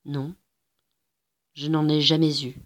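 A woman reading a story aloud and voicing a quiet, dignified mother who speaks low and calm. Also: takes it slowly.

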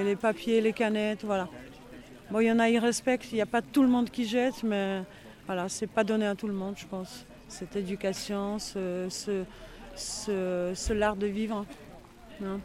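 A man's voice: high voice, little pitch movement, normal speed, a little mellow. A man interviewed about village life, talking casually and hesitating with many fillers. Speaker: villager interviewed on local radio. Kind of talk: street interview, casual talk.

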